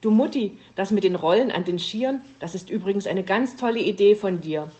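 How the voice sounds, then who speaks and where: A woman's voice: mid-range voice, fairly quick, warm tone, close to an everyday voice. A woman voicing an earnest, eager little hedgehog boy in a children's story reading.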